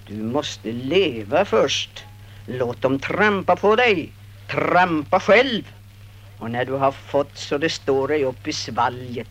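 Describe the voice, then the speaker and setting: A woman playing a scornful old female river spirit in a radio play, scolding and mocking with sudden shouts. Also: deep voice, dull audio, natural voice. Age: older.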